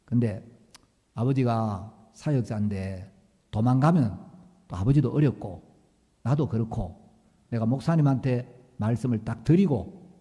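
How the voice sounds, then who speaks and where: A male pastor preaching a sermon in a storytelling way, swinging between loud and soft. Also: mid-range voice, a little slow, long pauses, slightly rough. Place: church sanctuary. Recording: long church reverb.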